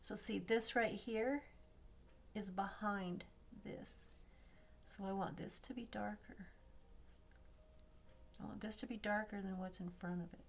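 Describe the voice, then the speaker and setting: A woman talks through a pencil-coloring demo in a relaxed, thinking-aloud way, her voice sitting at an ordinary middle pitch. Now and then she slips down to a soft near-whisper as she works. Faint noise hangs behind her. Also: a little slow, creaky, long pauses. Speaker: craft tutorial host. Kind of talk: casual demo narration while coloring.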